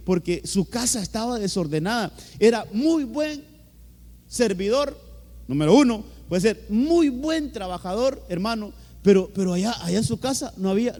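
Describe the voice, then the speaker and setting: A man with a Honduran accent delivers a sermon from the pulpit in a raised, high voice. He hammers each point by repeating key words and keeps addressing the congregation as brother. His voice rings out with a long reverb through the church hall. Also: dark tone. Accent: Honduran Spanish. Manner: emphatic, repeats words, often says "hermano". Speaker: pastor.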